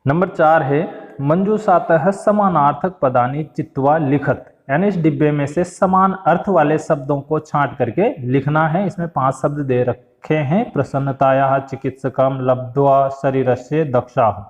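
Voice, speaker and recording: Slow-speaking male teacher, echoey lo-fi. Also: fairly high pitch. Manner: reads each word aloud, then explains it plainly. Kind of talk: recorded online class lesson.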